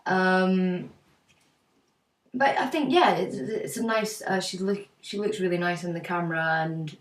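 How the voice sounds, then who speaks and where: A woman's voice: on the low side, a little slow. A woman co-hosting a casual photo critique, giving her views with many ums and likes. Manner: hesitant, lots of ums and likes. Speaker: co-host. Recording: roomy, mic at a distance.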